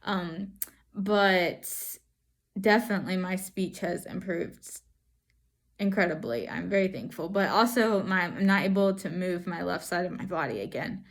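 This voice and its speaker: A woman talking through a face mask, giving a personal testimony in a halting, reflective and earnest way, like a vlogger sharing her story. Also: fairly low pitch. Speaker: vlogger sharing stroke recovery.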